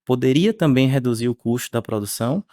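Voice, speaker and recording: A man, speaking as the researcher guest on a podcast interview in a measured way with frequent tag questions. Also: medium pitch, lively intonation, dark tone, no room sound, clean studio sound. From Salvador, Bahia, Brazil.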